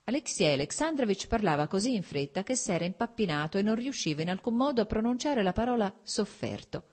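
A woman narrating a novel aloud in a measured, expressive literary reading. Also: mid-range voice. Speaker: audiobook narrator. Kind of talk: scripted narration.

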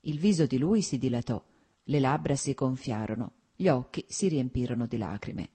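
A woman narrating a classic novel as an audiobook, in an expressive, measured reading. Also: very deep voice, husky.

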